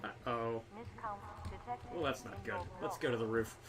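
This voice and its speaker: This man's mid-range voice moves at an unhurried pace as he livestreams a game, making wry, casual remarks, chatting with his audience, and swearing without restraint. A distant, noisy mic captures him, with video game sound behind.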